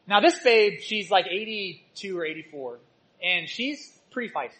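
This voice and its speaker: A male church teacher preaching a sermon, telling personal stories and swinging between loud exhortation and soft asides. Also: high voice, expressive, moderate pace, low-quality recording.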